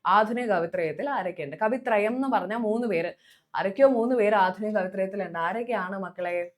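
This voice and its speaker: Young female teacher with a Kerala accent, live online class, coaxing and questioning, mid-range voice. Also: mid-range voice. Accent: Kerala Malayalam. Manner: coaxing, calls students "makkale" and "eda", asks many quick questions.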